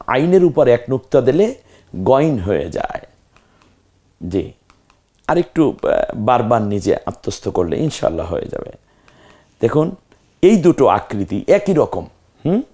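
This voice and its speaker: A man's voice: mid-range voice, dark tone. A man with a Bangladeshi accent teaching the Arabic alphabet, patiently drilling letter names and coaxing the learner. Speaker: Quran teacher.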